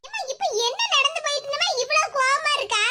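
Brief: a cheeky, greedy cartoon daughter with a Tirunelveli Tamil accent, teasing and coaxing, pitched very high over heavy noise. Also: lively intonation, fairly quick. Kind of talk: cartoon voice acting. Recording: loud background noise.

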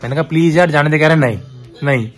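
A man's voice: fairly high pitch, fast, faint music behind. A young man chatting casually in a rambling, playful way, vlogging from a car on the road at night. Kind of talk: casual vlog chat while driving at night. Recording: loud road and car noise.

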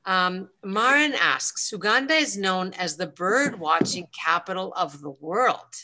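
A woman from Greece hosting a live online question-and-answer session, speaking slowly and hesitantly with many ums, on a video call. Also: fairly low pitch, animated, pushed and bright. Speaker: planetarium program host.

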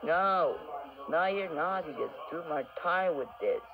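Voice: medium pitch, unhurried. A person rambling casually and swearing a lot. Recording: noisy background.

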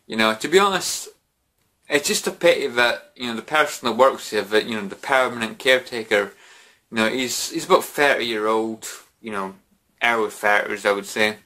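Bright-voiced young British man, drunk and rambling. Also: on the low side, moderate pace. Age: young adult. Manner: rambling, repetitive, frequent "you know". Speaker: vlogger. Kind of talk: casual chat to camera. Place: small bedroom at home.

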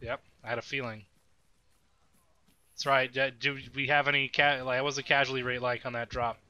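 A man's voice: medium pitch, flat delivery, fairly quick, bright, forceful tone. A man acting as commander in a military simulation game, mixing radio callouts with profane, casual squad chat over a gaming headset. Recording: slightly muffled gaming voice chat.

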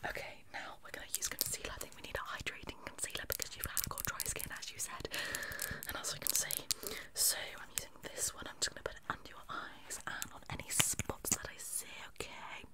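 A young woman hosts an ASMR makeup artist role-play, whispering into a close, fluffy-covered microphone in a small bedroom. Her delivery is fast, aggressive and chaotic, with repeated words.

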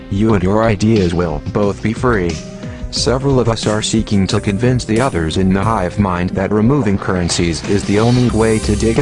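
A man reading a scripted anonymous statement in a measured, declamatory way, his voice disguised and lowered. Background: music.

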